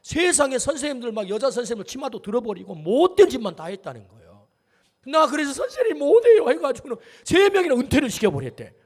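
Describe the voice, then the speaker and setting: A man's voice: extremely high pitch, sing-song, fast. A male pastor preaching a sermon in a church, talking animatedly and putting questions straight to the congregation. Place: church sanctuary. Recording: long reverb of a church hall.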